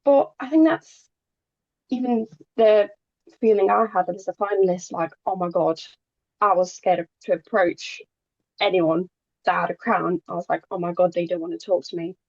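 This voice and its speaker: A young woman, a native Polish speaker who moved from Poland to England at ten, chats casually as a podcast guest and pageant queen, sometimes stumbling over her words. Her voice is lowish and slightly mellow at a normal pace, with no echo and lo-fi sound.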